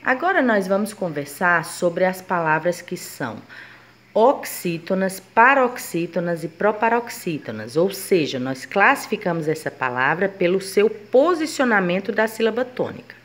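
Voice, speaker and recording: A woman's voice: on the low side, very animated, normal speed, a bit bright. A woman teacher gives a grammar lesson, explaining step by step and voicing her students' questions.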